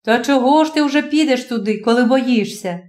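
A woman reading the lines of a calm, kind young male official, speaking soothingly. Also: on the high side, moderate pace, lightly acted. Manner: soothing, reassuring. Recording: roomy echo.

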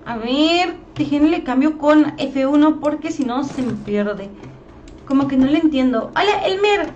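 A young Mexican woman live-streams a shooter game, her very high voice bouncing between casual commentary and quick hellos to her chat. She talks in a chatty, playful way. A faint hiss of noise sits under the recording. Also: animated, dull audio. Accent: Mexican Spanish. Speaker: gaming streamer.

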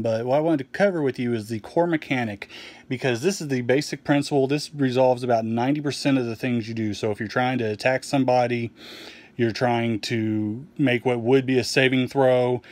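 A man from a game publisher explains a tabletop game's core rules in a casual walkthrough, relaxed with frequent ums and restarts. His voice is medium-pitched, and the dry recording was made over an open rulebook on a table.

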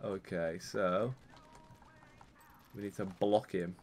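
This deep-voiced young man narrates his video game slowly, with a bit of background noise in the recording. As a gaming YouTuber he chats and rambles casually, getting worked up when something goes wrong.

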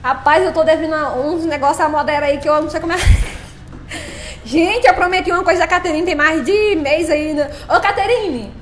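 A woman's voice: high voice, moderate pace. A woman chatting on a live stream, playful and laughing often as she greets her viewers by name. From Brazil.

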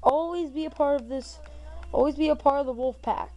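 A woman giving casual, excitable gameplay commentary as a gaming channel host, repeating herself playfully. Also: sits high, a little fast, lo-fi sound.

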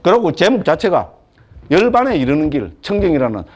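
A man's voice: fairly high pitch, very animated, brisk, slightly rough. A man, a Buddhist monk, lecturing on scripture in a chatty, joking way full of rhetorical questions.

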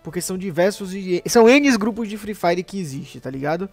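A man's voice: sits high, animated, a little fast. Young man, Bahian Brazilian accent, casual gaming YouTuber, informal slang, light background music. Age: young adult. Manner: informal, slangy, addressing viewers as buddies. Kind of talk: casual gamer vlog chat. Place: small home gaming room.

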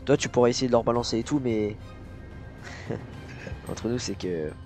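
A man's voice: mid-range voice, measured pace, a little mellow, faint music behind, close to an everyday voice. A man voicing a scheming youtuber in a Minecraft role-play, bossing and threatening in casual slang. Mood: smug. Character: scheming male youtuber framing a friend.

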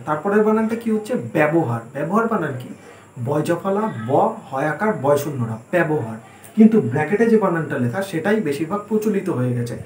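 A man's voice: on the high side, a little mellow, a little hiss or hum. A man giving a spelling lesson at a board, asking questions and answering them himself as he spells words out letter by letter. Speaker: teacher. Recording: echoey room.

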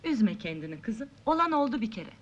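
Kindly older woman, motherly, consoling, lively intonation, old film drama. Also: fairly high pitch, brisk, dull audio.

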